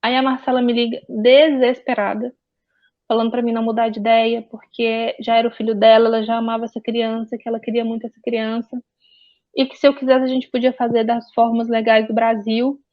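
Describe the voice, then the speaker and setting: A woman with a fairly high voice tells her own story with earnest, pained emphasis and keeps circling back over the same points. The sound is dull and lo-fi. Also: little pitch movement, fairly quick. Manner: earnest, pained, repetitive retelling. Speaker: interview guest. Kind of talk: emotional personal testimony. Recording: dull lo-fi audio.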